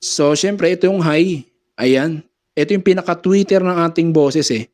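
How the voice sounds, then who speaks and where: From a small home studio, an audio gear seller hosts a casual how-to on mixer settings, explaining each step in a slightly high, darkish voice. Between adjustments he says mic-check phrases into a condenser microphone routed through the mixer.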